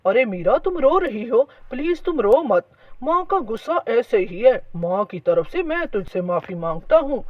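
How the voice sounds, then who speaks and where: A woman voicing an earnest young husband in a cartoon story, speaking softly in a lowered voice. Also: sing-song, a little slow, dry recording, far from the mic, lo-fi sound. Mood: gentle. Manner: soft, pleading.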